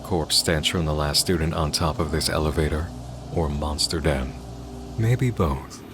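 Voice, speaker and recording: A man's voice: rumbling low, a little slow. A man reading scripted, analytical video essay narration. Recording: clear background noise under voice.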